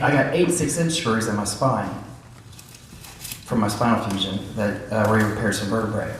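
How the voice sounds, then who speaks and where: A man telling his testimony in church, animated, acting out the dialogue as he tells his story. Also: medium pitch, a little hiss or hum. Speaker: church member giving a testimony. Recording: echoey church hall, voice heard from a distance.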